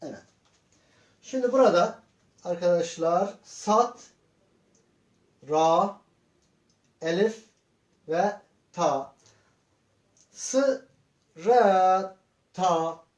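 A male teacher leads a Quran reading lesson at a very slow pace, breaking words into single syllables. He repeats each sound patiently and asks his students questions. His voice rings in an echoey room. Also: high-pitched, a little mellow.

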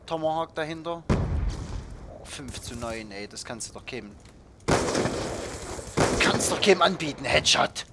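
A young man hosting his own gaming video, giving excited play-by-play of a shooter match and yelping at every hit. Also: on the high side, unhurried, long pauses. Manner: yelps and groans at the game, shouting in bursts. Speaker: gaming channel host. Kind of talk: excited Call of Duty commentary. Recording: loud background game noise.

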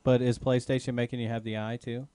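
A man's voice: medium pitch, little pitch movement, fast talker, dark tone, smooth, no room sound. A man co-hosting a casual gaming podcast, teasing, swearing and laughing often. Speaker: podcast co-host. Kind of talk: casual chat.

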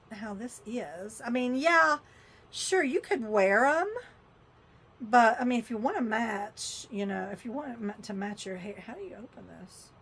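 A vlogger unboxes her shopping haul on camera, chatting casually and exclaiming or muttering as she fiddles with each item. Her voice is a little high and a bit bright, with slight background noise.

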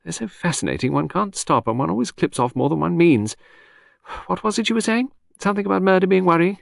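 A man's voice: sits high, fast, vocal fry, dry recording, clean studio sound, pitched above the performer's own voice. A man doing Lady Angkatell, a chattering older aristocrat lady. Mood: breezy. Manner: chattering, rambling, breezy.

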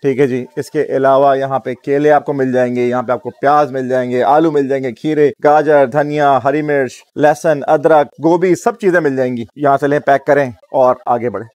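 Here the same kind of vlog host, a man in his thirties with a Pakistani accent, has a mid-range, slightly mellow voice, a steady tone and a moderate pace with few pauses. The recording is dry. He chats casually, often repeating phrases, while filming his shopping vlog in a busy supermarket and its car park.

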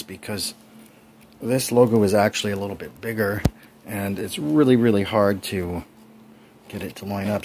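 A cycling vlogger in his forties, with a voice on the low side, casually narrates his bike build over clips, chatty and saying "um" often. There's a little hiss or hum in the recording.

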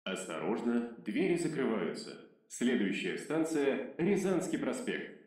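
Male transit announcer heard over the train loudspeaker, slow and formal, lively pitch, from far off. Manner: slow, formal, evenly spaced phrasing. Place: inside a metro train car. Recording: echoey loudspeaker from far off, noisy.

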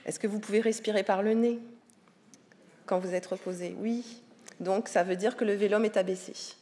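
A woman's voice: mid-range voice, darkish tone. A woman giving a public science lecture on the voice, explaining patiently with many hesitations. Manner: explanatory, with frequent hesitations and fillers. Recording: reverberant lecture hall.

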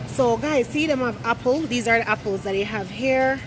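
A young Jamaican vlogger with a strong accent and slightly high voice chats casually to her viewers at a moderate pace while shopping in a large indoor supermarket. She laughs as she walks, holding her phone at arm's length, and loud store noise is clearly audible behind her.

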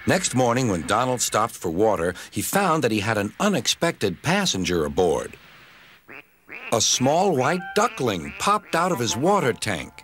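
A man narrating a children's train story in a gentle, expressive storytelling manner. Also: medium pitch, unhurried. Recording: narration over music.

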